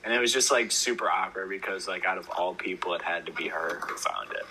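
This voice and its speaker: A young man in casual chat, animated and filler-heavy, with quick quips. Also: low-pitched, slight background noise, poor audio. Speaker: podcast co-host.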